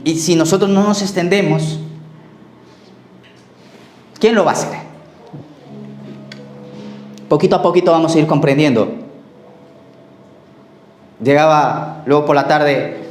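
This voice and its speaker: Pastor preaching in an echoey church. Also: male voice, fairly high pitch. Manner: storytelling, acts out dialogue, trails off quietly. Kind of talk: sermon with personal testimony.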